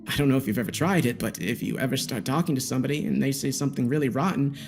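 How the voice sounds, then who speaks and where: A man with a gravelly, mid-range voice close to his everyday one speaks very fast as a jittery young gamer being interrogated in a dramatic audio story. The character is agitated and defensive, keeps justifying himself, and music plays underneath.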